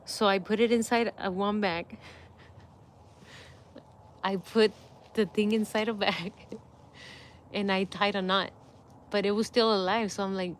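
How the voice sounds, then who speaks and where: A woman's voice: medium pitch, fairly even intonation, unhurried, pauses often. Middle-aged woman host, casual storyteller who keeps breaking into laughter; phone mic with faint background hiss. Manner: laughs often while telling a story. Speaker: livestream host.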